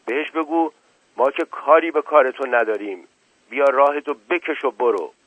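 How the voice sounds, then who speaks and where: A man voicing a frightened, suspicious village man who shouts accusations, heard on a tinny radio recording. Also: mid-range voice, no room sound, voice pushed up, lightly acted. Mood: shouting.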